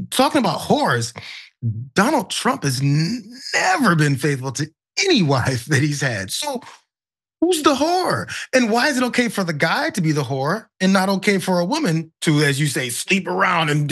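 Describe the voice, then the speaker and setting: Male political co-host, raspy and animated, conversational, emphatic questioning. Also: a little high.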